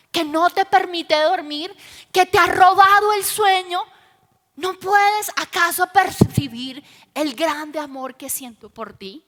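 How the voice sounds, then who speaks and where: High-voiced woman preaching. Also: big-room sound. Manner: expressive and emphatic. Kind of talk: Sunday sermon.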